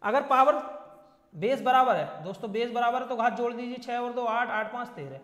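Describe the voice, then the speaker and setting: High-voiced man teaching math, echoey room. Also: lively intonation, normal speed, a bit bright. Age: young adult. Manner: repetitive, keeps addressing viewers as friends and brother. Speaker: exam-prep math teacher. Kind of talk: explaining math at a board. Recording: echoey room with long reverb.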